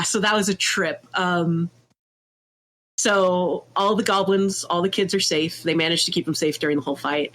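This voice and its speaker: A woman guest on a podcast telling a tabletop game story in an animated, laughing way, often acting out what people said. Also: sits low. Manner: animated, laughing, jumps into quoted voices. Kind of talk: casual storytelling chat.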